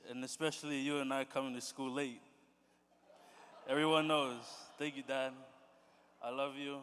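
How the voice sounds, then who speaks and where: A young man giving a graduation tribute, tearful and halting, often clearing his throat as he speaks. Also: mid-range voice, fairly bright tone. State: tearful, choking up. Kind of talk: emotional spoken tribute at a ceremony. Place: large church sanctuary. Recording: reverberant hall with faint music.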